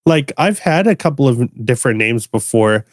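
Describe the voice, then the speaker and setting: A man's voice: mid-range voice, expressive, moderate pace, no room sound, clean studio sound. A young adult man from the United States, a guest producer chatting casually on a podcast, laid-back, laughing often and repeating his words. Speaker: guest bass music producer.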